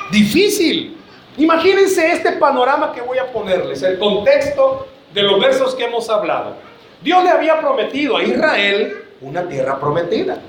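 A man's voice: high-pitched, roomy sound, slight background noise. A man preaching a sermon to his church, joking and calling his listeners brother.

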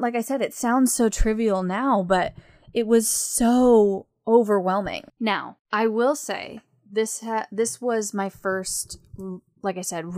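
A woman's voice: mid-range voice, no room sound, clean studio sound. A young woman host candidly telling a personal story in a chatty way, full of fillers and restarts. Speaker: podcast host.

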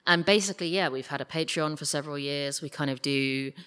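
On a live podcast festival stage before an audience, a British woman who creates audio dramas gushes informally as an interview guest. She tells casual anecdotes and acts out bits of imagined dialogue, her deep voice fast, a bit bright and smooth.

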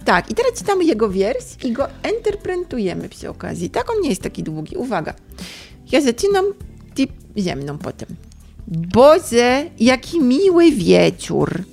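A woman voicing an excitable, bossy dog who hosts a poetry corner in a comic sketch, squealing and giggly. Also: fairly high pitch, a little slow, creaky, breathy edge, soft background music, full character voice. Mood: playful. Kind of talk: comic role-play sketch.

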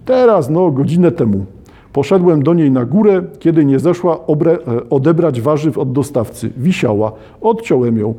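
A man's voice: on the high side, lively intonation, moderate pace, dark tone. A man reading aloud the lines of a curt, matter-of-fact widowed landlord in a novel, speaking in clipped sentences. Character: curt widowed boarding-house landlord, middle-aged man.

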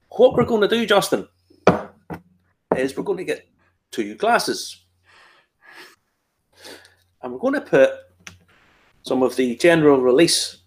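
A man with a Northern Irish Ulster accent, hosting a tasting in casual chat, explaining things with asides and questions to himself. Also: fairly high pitch. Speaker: whiskey tasting host.

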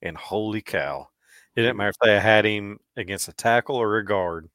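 A man's voice: on the low side, moderate pace, a bit bright, dry recording. A man with a Missouri accent co-hosting a sports podcast, chatty and laughing often as he talks. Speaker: podcast co-host. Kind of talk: casual sports chat.

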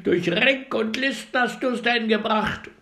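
A man voicing a whole flock of birds, shouting loudly and indignantly together. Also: very high-pitched, very animated, moderate pace, vocal fry, voice pushed up, full character voice. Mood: angry.

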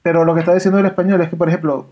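A woman, chatting on a podcast as co-host, opinionated and animated. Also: on the low side, rapid-fire. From Venezuela. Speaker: podcast co-host, audio engineer. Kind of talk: casual podcast chat. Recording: dull lo-fi audio.

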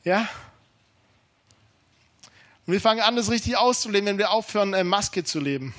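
High-voiced emphatic male preacher. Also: animated, normal speed. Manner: emphatic, informal, swings between urgent and hushed. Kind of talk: sermon.

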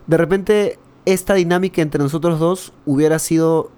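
A young man with a Peruvian accent, telling a personal story in an animated, slangy way, full of fillers, in a casual chat. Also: fairly high pitch, moderate pace, clean tone. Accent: Peruvian Spanish.

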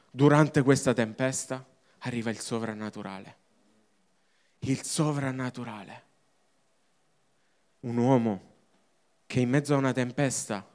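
A male pastor preaching a sermon with emphatic, repetitive phrasing that drops from loud to hushed. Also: mid-range voice.

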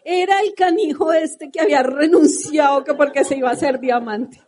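Her voice sits high and is a little mellow, and she keeps a moderate pace. This middle-aged Colombian motivational speaker, accent clearly Colombian, shares her personal story with passion before a live crowd.

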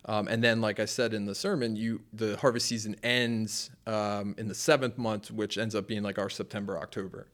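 Low-voiced rambling man, podcast chat. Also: flat delivery, moderate pace, hardly any pauses, fairly bright tone. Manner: rambling, conversational, with many fillers. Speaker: pastor and podcast co-host. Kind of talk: casual podcast discussion.

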